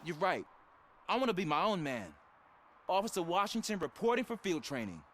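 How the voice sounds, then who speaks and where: Young rookie cop in a game, earnest, quick and lively, bit of noise behind. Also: male voice, high-pitched. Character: eager, self-doubting young rookie policeman. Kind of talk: video game dialogue.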